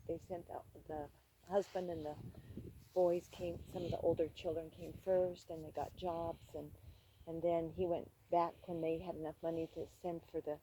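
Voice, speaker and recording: A sweet older woman, a grandmother, casually reminiscing about family in a halting way, on a noisy amateur recording. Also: fairly low pitch, level tone, dark tone.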